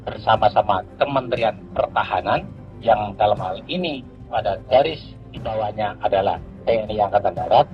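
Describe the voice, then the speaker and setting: A man's voice: on the low side, animated, normal speed. Man, formal bureaucratic statement, dull lo-fi sound, faint music. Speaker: government official.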